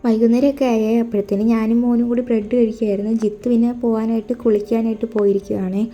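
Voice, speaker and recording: A young woman from Kerala narrates her household day in a brisk, rattling flow. Her voice sits a little high and sounds soft and mellow, with no edge to it. The delivery is chatty and homely, full of friendly little asides. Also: level tone, dull audio. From Kerala, India. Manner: chatty, homely, with frequent friendly tag words. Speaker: vlogger and stay-at-home mother.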